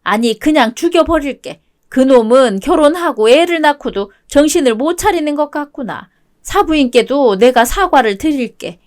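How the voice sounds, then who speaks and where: A worried older mother-in-law, motherly yet quick to scold, speaking in a fairly high voice, as a woman reads her. The web-toon radio drama reading keeps her warm but firm. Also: animated. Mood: concerned.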